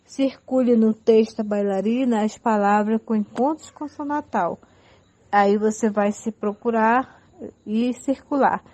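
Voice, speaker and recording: Slow, mellow-voiced woman teacher. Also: on the high side. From Amazonas, Brazil. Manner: slow, patient, spells out letters and example words. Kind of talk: radio audio lesson.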